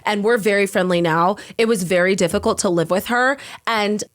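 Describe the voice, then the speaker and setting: A woman guest on a podcast, chatting casually and telling animated stories. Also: mid-range voice, fairly quick. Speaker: podcast guest, former reality show contestant. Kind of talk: casual chat.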